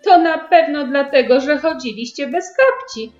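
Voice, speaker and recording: A woman voicing a stubborn little girl with a cold, whining and protesting loudly. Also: high voice, expressive, moderate pace, pitched above the performer's own voice. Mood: excited. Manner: whiny, protesting, shouting. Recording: roomy, dull sound with faint music.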